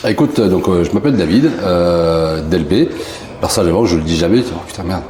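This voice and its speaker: A man from Marseille, a company founder telling his story in a relaxed, rambling way with many fillers. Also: low voice, brisk. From southern France, Marseille. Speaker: company founder, interview guest. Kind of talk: casual interview chat. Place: indoor bar room. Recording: echoey room, faint background noise.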